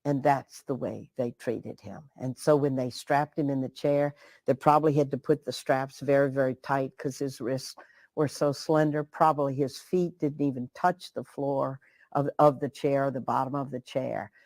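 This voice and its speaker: A mid-pitched speaker gives reflective commentary in an earnest tone, pausing and restarting thoughts now and then. The recording is dry and close, with no room sound. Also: fairly even intonation, creaky, a little mellow, no room sound. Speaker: interviewee.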